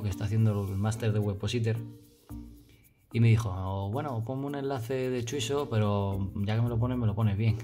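A man with a Spain Spanish accent talks through his screen and his day in a casual, chatty vlog voice, sitting a little low in pitch. He peppers his talk with tag questions and the odd swear word, and music plays clearly underneath. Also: dark tone. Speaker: vlogger, SEO entrepreneur. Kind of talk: casual explanatory vlog narration.

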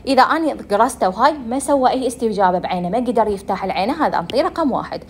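A woman's voice: fairly high pitch, expressive, rapid-fire, slight background noise. A young woman with an Iraqi Arabic accent giving a medical lecture, explaining step by step and answering her own questions.

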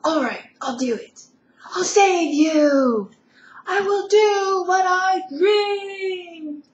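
A woman's voice: very high voice, very slow, echoey room, lo-fi sound, voice pushed up, heavily acted. A woman voicing an anxious young boy hero with earnest, emotional cries.

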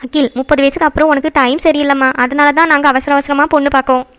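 A woman voices a fretful cartoon mother, high-pitched and quick. She frets and pleads over her son's marriage, always pressing. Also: fairly even intonation, a bit bright, dry recording. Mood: pleading. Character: middle-aged mother, anxious and emotional.

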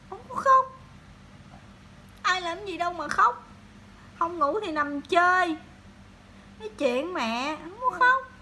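A woman's voice: sits high, bright, forceful tone, a little hiss or hum. A mother talks to her baby in coaxing, cooing baby talk at home, asking sing-song questions over and over.

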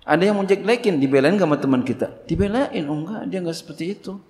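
A middle-aged man teaching a religious book study, talking animatedly, leaping in pitch and acting out bits of dialogue. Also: very fast. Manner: animated, acts out quoted dialogue, big pitch leaps. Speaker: Islamic teacher. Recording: long hall reverb.

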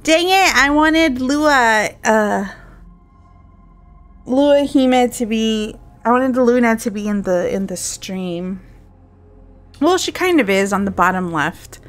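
A woman in her thirties chats her way through a game stream in a slightly high voice. She talks slowly, wandering between thoughts and breaking off mid-sentence to start again. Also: animated. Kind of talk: casual gameplay chat.

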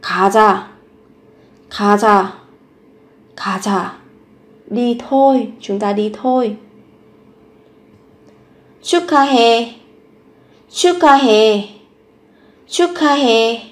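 A woman teaching short everyday phrases, repeating each one slowly before explaining it. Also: fairly high pitch. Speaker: Korean language teacher. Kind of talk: Korean lesson explained in Vietnamese.

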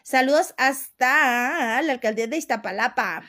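A woman's voice: sits high, moderate pace, sharp tone. A Mexican woman hosting a casual live stream, reading out viewer comments in a chatty, teasing way and laughing often.

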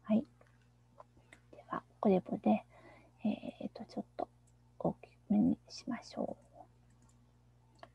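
A woman with a gravelly, husky, fairly high voice explains a children's English song, often dropping to a near-whisper. She talks unhurried and warm-toned, close to the mic in a dry room. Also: big pitch swings, no echo, dull audio. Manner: soft, often whispered explanations; slow, deliberate English reading. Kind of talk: screen-shared lesson on a children's song.

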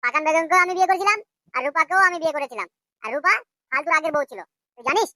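A shrill, very high cartoon tough spits insults and threats at a racing clip. The voice is bright and sharp, recorded close and dry with no room around it. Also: no room sound. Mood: scolding. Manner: abusive, shouting, quick insults. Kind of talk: cartoon voice acting.

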